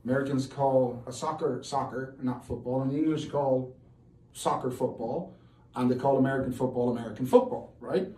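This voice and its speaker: Irish man, forties, mellow, heard from afar in a reverberant room, faint background noise. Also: mid-range voice, steady tone, fairly quick, distant mic. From Ireland. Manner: chatty, storytelling. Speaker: guest. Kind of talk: casual chat.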